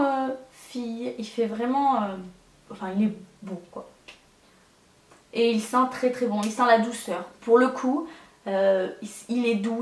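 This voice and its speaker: A woman's voice: a little high, echoey room, recorded from a distance. A young woman chatting in a casual vlog, hesitant and full of fillers as she shows her collection. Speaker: beauty vlogger.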